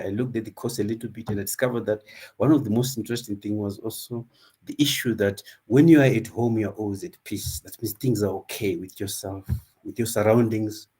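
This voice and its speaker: A man from Zimbabwe, speaking at an academic symposium over a video call in a thoughtful, halting way as he searches for his words. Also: on the low side, dark tone, husky. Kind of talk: reflective personal talk.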